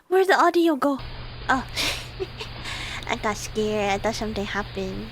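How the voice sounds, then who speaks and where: A woman's voice: a little high, very animated, slow, slight background noise, rough recording. A woman with a cute, girlish anime streamer manner, reacting casually and expressively, easily spooked. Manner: easily spooked, with gasps and exclamations. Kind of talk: casual live reaction commentary.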